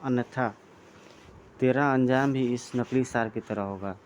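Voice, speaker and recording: A man's voice: mid-range voice, measured pace, slight background noise, lightly acted. A man reading aloud the lines of a boastful, mocking male demon warlord from a comic. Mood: gloating. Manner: mocking, boastful, laughing menacingly.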